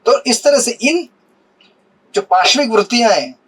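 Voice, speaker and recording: Guy with a high voice preaching a scripture class, keeps quizzing the crowd, drops english words in. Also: lively intonation, a little slow, a bit bright, slightly rough, rough recording. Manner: asks the audience questions, mixes English words. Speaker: spiritual teacher. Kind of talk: Hindi sermon on scripture.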